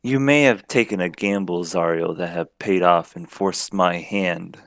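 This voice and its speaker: Man voicing a larger-than-life accusing goddess, formal and imperious, deep. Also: measured pace, no room sound, clean studio sound. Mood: threatening.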